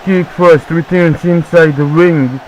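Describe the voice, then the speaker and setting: A man whose first language is French, doing excitable play-by-play wrestling commentary with jokey asides and repeated calls. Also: fairly high pitch, takes it slowly, slight background noise, low-quality recording.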